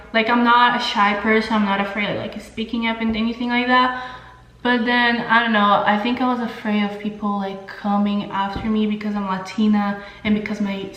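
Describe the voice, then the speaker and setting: A Brazilian-accented young adult from São Paulo, Brazil, native in Portuguese, gives an informal, slangy, candid makeup-session chat to camera in her beauty vlog. She has a mid-range, fairly bright voice. The recording sounds muffled and reverberant.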